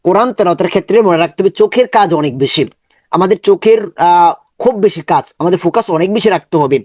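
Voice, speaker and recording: A man's voice: high-pitched, quick pace, a little mellow, no echo. A man with a Bangladeshi Bengali accent teaching an online Quran reading lesson, drilling Arabic syllables one by one between explanations.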